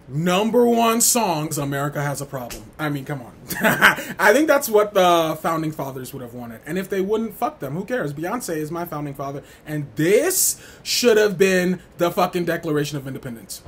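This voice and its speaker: Over a little hiss or hum, a man with a slightly high voice goes wild reviewing music, casually ranking an album's tracks. He's sassy and full of slang, cursing and hammering points through repetition in an over-the-top, unhinged rant.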